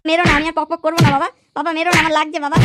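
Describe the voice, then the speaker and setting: A woman's voice: high-pitched, level tone, racing, over loud music, pitched above the performer's own voice, close to an everyday voice. A woman voicing a lazy, jobless young son in a cartoon who talks back and whines when scolded. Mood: pleading.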